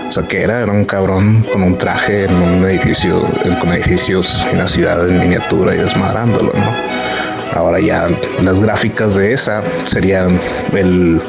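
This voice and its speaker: A man with a Mexican accent explaining things informally and haltingly, searching for his words. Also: sits low, flat delivery, gravelly. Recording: loud music behind the voice.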